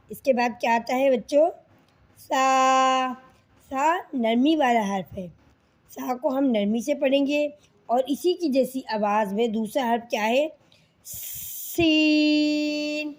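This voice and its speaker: A woman's voice: sits high, darkish tone. A woman teaching children Quran reading in Urdu with a Pakistani accent, patiently repeating letter sounds and checking in with the class.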